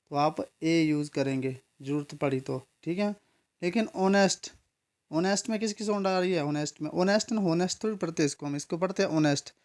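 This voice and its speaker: A man gives an English grammar lesson. His voice sits a little high and sounds smooth and resonant. He explains patiently, keeps checking that his students follow, and slows down to spell words out letter by letter. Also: a little mellow. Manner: explains patiently, repeats words and asks "ठीक है?".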